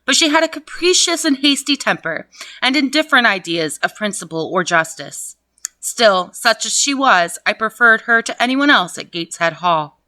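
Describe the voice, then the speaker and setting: This woman's voice sits on the high side, with lively intonation, a sharp tone, and normal speed, captured with no echo. Reading a classic novel aloud at home as host, she often laughs, swears, and drifts into casual commentary.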